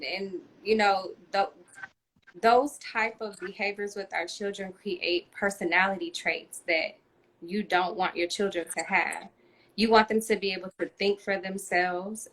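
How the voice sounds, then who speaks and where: A woman's voice: medium pitch, a bit bright, rough recording. A woman hosting a casual conversation, reflective and opinionated as she makes her points. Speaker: host.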